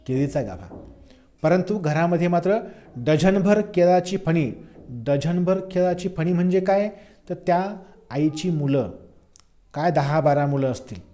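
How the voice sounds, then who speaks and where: A male college teacher lecturing on a poem. He repeats lines slowly and stops to explain dialect words. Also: fairly high pitch, mellow.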